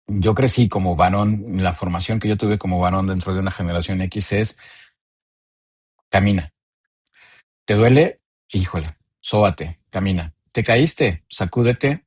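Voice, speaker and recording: A Mexican man in his forties giving a calm, explanatory talk about emotions and sharing personal anecdotes. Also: fairly low pitch, breathy edge, dry recording, clean studio sound. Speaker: speaker.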